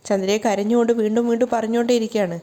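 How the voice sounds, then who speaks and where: Fast-talking woman with a mellow voice. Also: on the high side, fairly even intonation. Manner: brisk reading with stumbled restarts. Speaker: serial recap narrator. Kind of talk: dramatic story recap narration.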